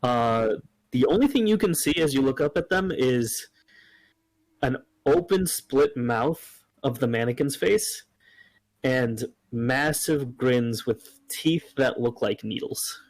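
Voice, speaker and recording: A man running a tabletop game, unhurried and halting as he describes the scene. His pitch sits in the middle range. The sound is dry and close, with no room around it. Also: lively intonation, dry recording, poor audio. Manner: slow, hesitant narration with frequent ums. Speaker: game master.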